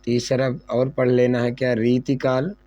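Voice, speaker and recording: A man's voice: medium pitch, monotone, measured pace, mellow, lo-fi sound. A male teacher going over an exam syllabus, repeating key points and asking questions he then answers himself. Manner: repetitive, asks and answers own questions.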